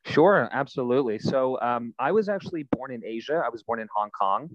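A man in his thirties talks through his background at an unhurried, conversational pace. He fills pauses with easy fillers as he tells his story. His voice comes through a dry, somewhat dull recording. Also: medium pitch, no room sound. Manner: relaxed storytelling, frequent fillers. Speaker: guest, nonprofit founder. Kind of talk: conversational interview answers.

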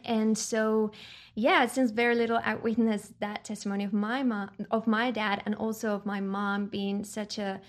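A woman from Chile sharing her faith testimony as a podcast guest, earnest and reflective, pausing often with ums. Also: medium pitch, level tone.

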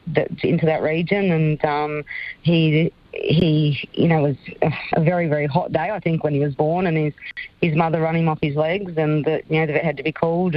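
A woman's voice: low voice, no echo, muffled recording. An Australian woman, a racehorse trainer, chatting in a radio interview over the phone, hesitant and full of ums and restarts.

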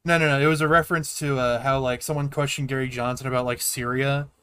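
A man, co-hosting with sarcastic quick jokes. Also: medium pitch, fairly even intonation, pushed and bright, clear, resonant tone, dry recording. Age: 20s. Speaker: podcast co-host. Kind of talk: casual chat.

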